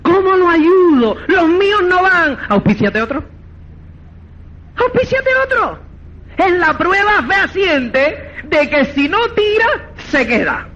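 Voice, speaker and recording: A man giving a motivational network marketing seminar, animated and acting out quoted dialogue, repeatedly checking that listeners follow. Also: very high voice, measured pace, muffled recording. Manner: animated, acts out quoted dialogue, keeps asking "¿me entiendes?".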